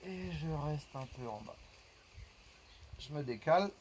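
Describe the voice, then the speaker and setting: A man's voice: fairly high pitch, animated, unhurried, a little mellow, a little hiss or hum, poor audio. A man leading a floor exercise class, guiding breathing and repeating cues rhythmically as he counts. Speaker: fitness instructor. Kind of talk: guided workout instruction.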